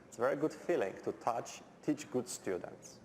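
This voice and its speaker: Lecturing on chemistry at a university, this man from Poland speaks English as a second language with a clear Polish accent, keeping things blunt and simple with dry wit. His ordinary mid-level pitch has lively intonation and a slightly mellow tone at a moderate pace, echoing through the hall over a faint hum.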